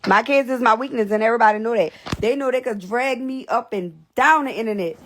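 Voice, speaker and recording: A woman's voice: on the high side, a little fast, a little hiss or hum. A young woman talking casually and bluntly to livestream viewers. She swears, repeats herself, and sounds out of breath. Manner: blunt, repetitive, profane. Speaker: livestream host.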